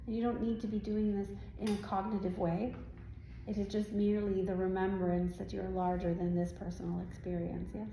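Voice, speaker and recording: A woman's voice: mid-range voice, flat delivery, brisk, dark tone, close to an everyday voice. A woman speaking as a trance medium voicing a serene spirit guide, with stilted formal phrasing and frequent questioning tags, giving spiritual guidance at a live event. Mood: serene, instructive. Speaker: trance channeler answering audience questions. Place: indoor live event room. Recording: roomy live event sound, faint noise.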